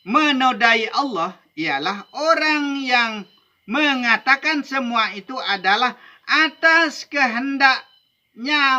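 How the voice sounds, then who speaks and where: A man's voice: extremely high pitch, bright, forceful tone. A man from Indonesia teaching Sufi mysticism in a rhythmic, emphatic way, often ending points with "begitu". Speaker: religious teacher.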